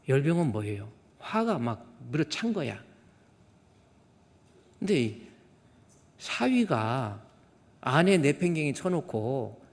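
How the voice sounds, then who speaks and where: A man's voice: a little high, a little mellow, long reverb tail. A man preaching a Sunday sermon as senior pastor, telling stories in a colloquial way and acting out the voices he quotes. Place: church sanctuary.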